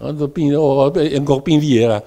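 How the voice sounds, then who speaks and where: A middle-aged Taiwanese man lectures a class a little fast, his voice fairly high. He slips in quiet asides, abruptly stresses words at high volume, and has his students repeat terms after him.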